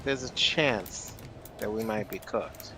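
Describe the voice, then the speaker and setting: A man's voice: on the low side, takes it slowly, noisy background. A man chatting wryly and casually while playing a co-op game. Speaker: player in a co-op game session. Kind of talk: casual gaming chat.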